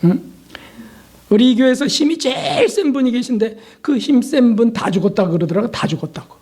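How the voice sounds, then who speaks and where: An older man preaching a sermon as a pastor, earnest, asking his listeners questions and slipping into soft prayers. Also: very high-pitched, very animated, moderate pace.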